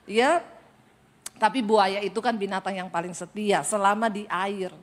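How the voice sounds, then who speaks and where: A woman's voice: medium pitch, steady tone, normal speed. A woman pastor from Sulawesi, telling a vivid story in a sermon and acting out her prayers dramatically.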